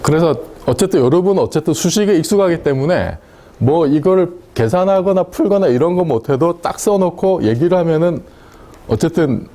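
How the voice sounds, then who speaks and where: In a lecture room, a man gives a university lecture in a casual, chatty manner, frequently asking the class questions and laughing at his own points. His voice is on the high side and warm.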